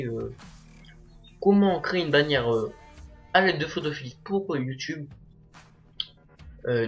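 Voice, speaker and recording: A teenage boy narrating a software tutorial as a voice-over, hesitant and full of filler sounds. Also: fairly high pitch. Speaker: tutorial maker.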